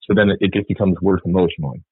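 A man's voice: sits low, very fast, husky, dry recording. A man, an Army sergeant, talking earnestly and reflectively in a candid podcast interview, with fillers and repeats. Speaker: guest, Army sergeant and article author. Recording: tinny phone-like line, dry.

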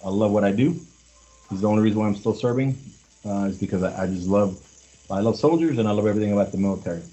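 Halting deep-voiced army sergeant major. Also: male voice, dark tone, breathy edge, low-quality recording. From born in Mexico, raised in Los Angeles. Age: 40s. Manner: halting, with many fillers and restarts. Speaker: command sergeant major hosting a discussion. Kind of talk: casual group talk.

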